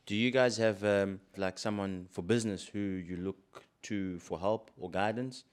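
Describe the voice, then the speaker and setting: A man hosting a podcast, asking questions in a relaxed, chatty way. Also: lowish voice, a little slow. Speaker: podcast host. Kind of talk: casual interview chat.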